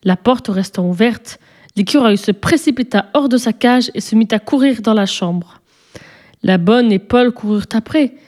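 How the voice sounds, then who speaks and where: A woman narrating a children's storybook in a calm, even storytelling manner. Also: mid-range voice.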